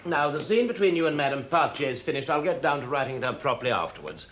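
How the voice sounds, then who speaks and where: A man's voice: mid-range voice, expressive, fast talker, a bit bright, slight background noise, close to an everyday voice. An actor playing an impatient, theatrical stage director who bosses his cast through a rehearsal in a 1970s televised stage drama. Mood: bossy, excitable. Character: fussy, excitable stage director running a rehearsal.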